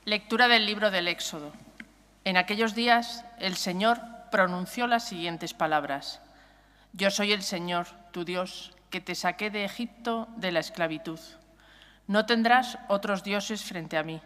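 A lector reading scripture at Mass in a clear, formal way. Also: mid-range voice, unhurried, sharp tone. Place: large church. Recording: long church reverb.

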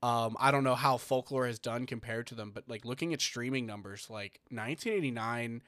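A man's voice: medium pitch, fairly quick, fairly bright tone, no room sound. Guy rambling through stats on a podcast, lots of uhs, dry close sound. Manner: rambling, many fillers and restarts, reading numbers. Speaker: podcast co-host. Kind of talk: casual chat.

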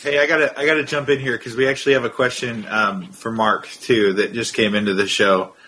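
A man co-hosting a podcast, reading out a listener's question in a plain, steady way. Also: mid-range voice, brisk, a little hiss or hum.

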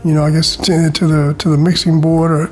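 A middle-aged California man, a guest in a casual interview, talks fairly quickly in a slightly high, level voice. His informal style is full of "you know" and "man." There's faint music behind him along with faint background noise.

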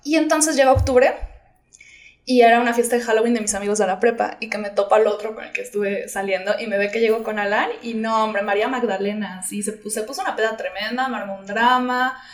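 A woman's voice: on the high side, fast, echoey room. A young woman with a Mexican accent, casually telling a story on a podcast and acting out the lines she quotes. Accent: Mexican Spanish. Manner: animated, slangy, acts out quoted lines. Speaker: podcast co-host.

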